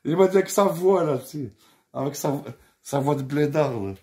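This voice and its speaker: A man's voice: on the high side, moderate pace, warm tone, breathy edge. A young man chatting casually with a friend, tired and drowsy, slangy and profane, laughing often. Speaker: vlogger. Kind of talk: casual rambling chat to a friend.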